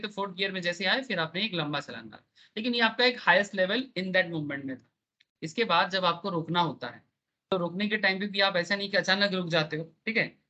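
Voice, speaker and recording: A man teaching a live online class. His voice sits high and sounds bright and forward. He keeps checking that the students follow and leans on homely analogies.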